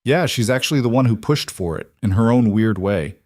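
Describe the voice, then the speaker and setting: A man voicing a cautious, guarded single father who speaks in a halting, reserved way. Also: lowish voice, animated, a little mellow, dry recording, studio quality.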